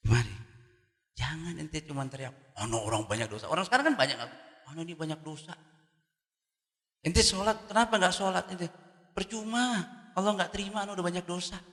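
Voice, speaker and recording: A man's voice: high voice, a little fast, fairly bright tone. A man preaching a sermon, asking rhetorical questions and chanting Arabic verses. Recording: echoey hall with long reverb.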